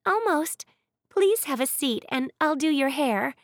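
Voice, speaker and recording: Timid young maid, high and bright, eager to please, read by a woman narrator in a dry booth. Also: expressive, a little slow, dry recording. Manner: meek, polite, cautious.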